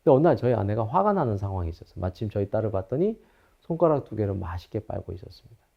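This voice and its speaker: A psychology professor in his fifties delivers a recorded lecture. He speaks with a very expressive, wide-ranging pitch and a storyteller's manner. The audio is a little dull and lo-fi. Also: racing, creaky. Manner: storytelling lecturer who acts out anecdotes.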